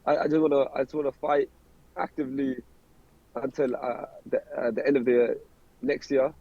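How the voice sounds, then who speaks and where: A man's voice: medium pitch, steady tone, normal speed, mellow, dry recording, muffled recording. A man, a professional boxer chatting casually in an interview, rambling and repeating words as he starts sentences. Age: 20s.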